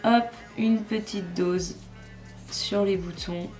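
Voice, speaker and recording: A woman's voice: medium pitch, fairly even intonation, takes it slowly, darkish tone. A young woman chatting casually through a makeup tutorial, self-mocking and talking while she works. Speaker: beauty vlogger. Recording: echoey room, faint music.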